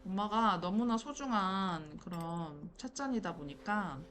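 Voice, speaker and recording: A woman's voice: medium pitch, lively intonation, measured pace, a bit bright, slight background noise. A woman giving casual, chatty gameplay commentary and muttering to herself as she plays. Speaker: gameplay streamer.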